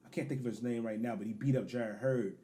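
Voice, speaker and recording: A man's voice: mid-range voice, quick pace. A man co-hosting a podcast, breaking down a boxing match in casual slang. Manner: animated fight breakdown, loose slang. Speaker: podcast co-host. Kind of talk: casual sports chat.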